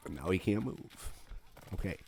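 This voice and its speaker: A man giving casual, low-key commentary on his own gameplay, thinking aloud as he goes. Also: lively intonation, measured pace, very noisy.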